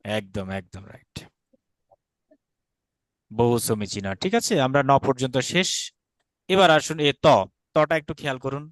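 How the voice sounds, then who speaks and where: A man's voice: medium pitch, fairly bright tone. A man with a Bangladeshi Bengali accent teaching an online language class. He explains patiently, repeats sounds for students to echo, and mixes in English words. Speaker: Sanskrit teacher.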